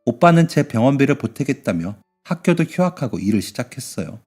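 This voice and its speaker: A man reading a scripted first-person story in an even, measured way. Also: mid-range voice, slightly rough. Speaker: story narrator. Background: faint music.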